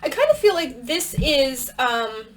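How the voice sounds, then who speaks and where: A woman's voice: sits high, very animated, unhurried, slight background noise, low-quality recording. A woman giving a casual tarot reading to her viewers, thinking aloud with plenty of fillers while talking around a cough drop. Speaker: tarot reader.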